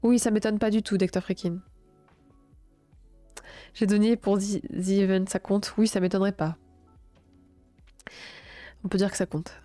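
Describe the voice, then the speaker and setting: A woman with a southern French accent hosts a live stream, alternating between reading a text aloud and chatting with her viewers. Her tone is mellow and warm, and her asides come softly, full of small hesitations. The sound is dry and close, with faint music underneath. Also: mid-range voice, fairly even intonation, moderate pace, long pauses, no room sound. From South of France. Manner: soft, hesitant asides with frequent fillers between read passages.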